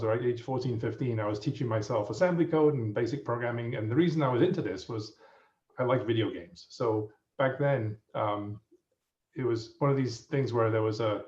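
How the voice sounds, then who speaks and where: A man in his fifties with an English accent, a guest telling his story in a relaxed, rambling way with lots of fillers, heard over muffled remote audio. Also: mid-range voice. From England. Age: 50s. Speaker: guest professor. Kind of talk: casual storytelling. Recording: muffled, roomy audio from a distance.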